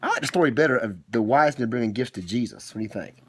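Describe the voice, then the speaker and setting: Medium-pitched and animated, this middle-aged dad reads aloud quickly to his kid, putting on a theatrical, teasing show. He keeps interrupting himself with playful asides, like a homemade bedtime story session.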